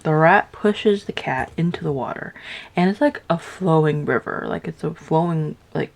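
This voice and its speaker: A young woman casually retelling a story while building Legos, rambling with lots of filler words and high, playful voices for the characters. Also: animated, normal speed, gravelly. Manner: rambling, filler-heavy, with "like" everywhere. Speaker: vlogger.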